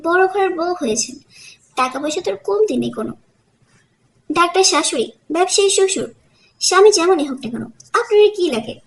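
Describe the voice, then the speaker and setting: A woman's voice: very high-pitched, lively intonation, brisk. A woman voicing a spiteful young sister-in-law who speaks harshly and mockingly, in an audiobook. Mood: sneering.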